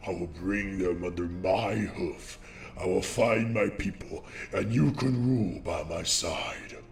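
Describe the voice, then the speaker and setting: Gravelly, very low villainous unicorn king. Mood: sinister. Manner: slow brooding delivery breaking into anguished shouts. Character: bitter, vengeful young dark unicorn king, menacing villain. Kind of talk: melodramatic comic fandub acting.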